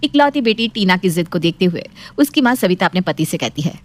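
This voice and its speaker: A woman's voice: on the low side, very animated, a little fast. Woman narrating a bedtime story.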